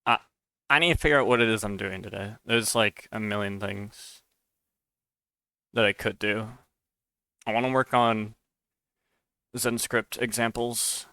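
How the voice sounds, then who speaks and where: A man's voice: on the low side, fairly even intonation, unhurried, long pauses, bright, forceful tone, smooth, dry recording, studio quality. A man streaming live while he codes, rambling and stammering through casual chat and often saying "dude". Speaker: streamer and mod developer.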